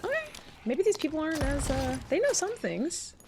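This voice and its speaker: A woman's voice: high voice, big pitch swings, normal speed. A woman streaming a game live, chatting casually and playfully, with sudden yelps and squeals and voice cracks when something startles her. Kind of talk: casual live gameplay commentary. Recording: noisy live stream audio.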